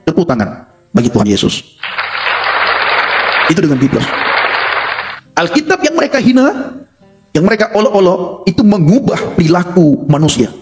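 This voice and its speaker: A man's voice: high voice, big pitch swings, normal speed, long pauses, soft background music, a faint crowd. A man giving a testimony sermon, speaking emphatically to his listeners and acting out quoted dialogue. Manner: emphatic, addresses listeners as Bapak Ibu; acts out quoted voices in dialogue.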